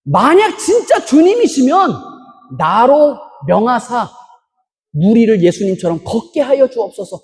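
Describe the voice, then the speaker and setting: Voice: mid-range voice, big pitch swings, measured pace. A preacher voicing the apostle Peter as a frightened, pleading grown man, heard with long church-hall reverb.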